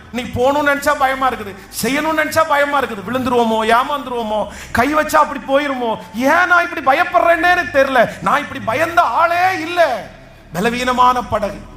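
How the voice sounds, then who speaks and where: A man's voice: very high-pitched, bright, forceful tone, echoey room. A man voicing a weary, frightened churchgoer who pleads and confesses feeling weak.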